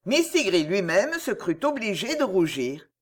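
Slow, expressive woman reading a tale. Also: mid-range voice. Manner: expressive, measured. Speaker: narrator. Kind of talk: storybook reading.

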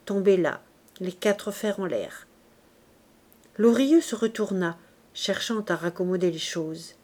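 This audiobook of a classic novel is read by a woman whose mid-range voice stays measured yet expressive.

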